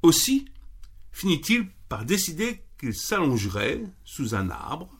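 Slow, expressive male storyteller. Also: a little high, breathy edge. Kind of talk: children's story reading.

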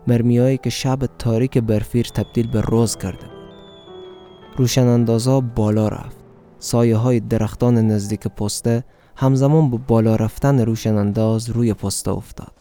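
Dark-voiced man with an Afghan accent reading a story. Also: mid-range voice. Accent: Afghan Dari. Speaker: narrator.

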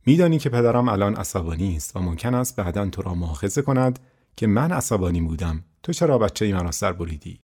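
A man's voice: on the low side, animated, darkish tone, breathy edge. A man narrating a folk tale voices a clever, brave young princess who speaks firmly and pleads. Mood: pleading.

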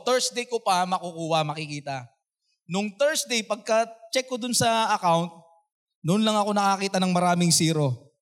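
A man with a Filipino accent, a pastor giving a sermon testimony, storytelling in an animated way and acting out the voices of the people in the story. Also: high-pitched. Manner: animated, acts out quoted voices, laughs at own jokes.

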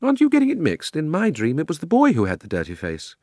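Polly, a man doing a high-voiced young girl. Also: huge pitch swings, a little mellow, dry recording, studio quality. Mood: wondering. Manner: quick, insistent, corrects the boy. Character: dreamy, sharp-tongued young girl. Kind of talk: storybook reading.

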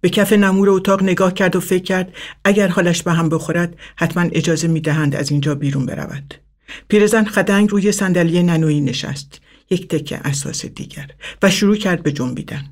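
Male narrator for a literary short story, steady reading, slightly high voice.

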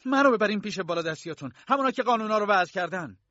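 Man doing a shrill, outraged young clerk. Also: expressive, vocal fry, breathy edge, dry recording. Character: indignant thirty-year-old male bank clerk, arrested. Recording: dull lo-fi dry recording.

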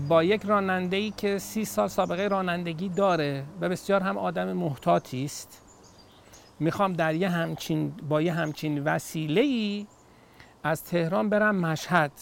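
A man's voice: high-pitched, creaky. A middle-aged man, an immigration consultant, patiently answering viewer questions with everyday analogies and frequent hesitations. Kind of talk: call-in style Q&A, explaining.

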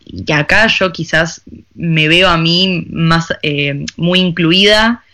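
A young woman from Buenos Aires with an Argentine accent, answering interview questions thoughtfully with many pauses and fillers. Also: on the low side, bright, forceful tone. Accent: Argentine Rioplatense Spanish. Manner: thoughtful, hesitant, frequent fillers and restarts. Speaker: filmmaker interviewee.

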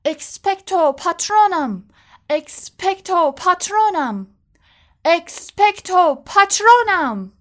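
A woman's voice: on the high side, expressive. A woman voicing a shaken, stubborn boy wizard. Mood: shouting.

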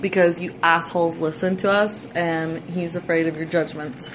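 A woman's voice: lowish voice, steady tone, normal speed. Distant-miked woman podcaster, noisy background. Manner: foul-mouthed, teasing. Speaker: podcast co-host. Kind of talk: casual podcast chat.

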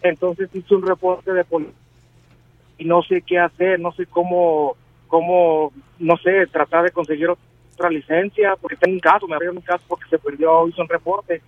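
A man's voice: sits high, moderate pace, no room sound. A man calling in to a radio show, explaining his problem hesitantly and repeating himself. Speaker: caller. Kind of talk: call-in question. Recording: dull phone line.

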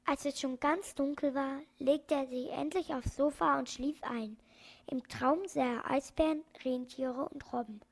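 A woman reading a children's storybook aloud in an expressive, lilting manner. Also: sits high, measured pace, gravelly. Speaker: narrator.

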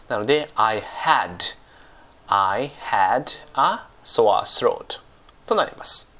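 Teaching English casually, this man sounds a bit congested from a cold. His mid-range voice has a fairly bright tone, and he takes his time, repeating phrases slowly and filling gaps with lots of fillers.

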